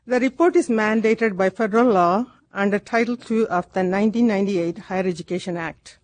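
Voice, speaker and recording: A woman presenting an agenda item at a public meeting, steady and explanatory, from a table microphone. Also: mid-range voice, a little fast, no echo. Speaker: staff presenter.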